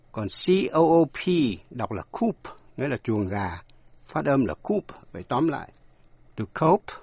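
A man teaching English vocabulary, slowly spelling words letter by letter and explaining their stress and meanings. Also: mid-range voice, husky, dry recording. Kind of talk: slow scripted pronunciation lesson.

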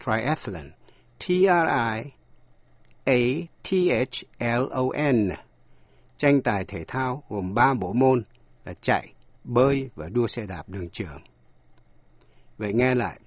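A man teaching English vocabulary, slowly spelling words letter by letter and explaining their stress and meanings. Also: mid-range voice, expressive, dry recording. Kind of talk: slow scripted pronunciation lesson.

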